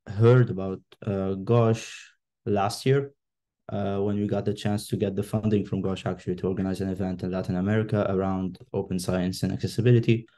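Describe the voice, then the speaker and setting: A man from Lebanon with a low, mellow voice speaks over a video call. He gives his candidate statement in a fairly even tone, pausing often on fillers. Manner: hesitant, many fillers. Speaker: election candidate. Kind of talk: online meeting statement.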